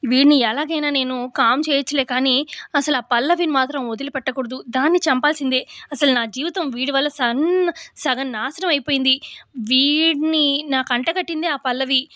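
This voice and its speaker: Brief: seething vengeful young woman, bitter muttering, high bright tone, voiced by a woman. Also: moderate pace, dry recording.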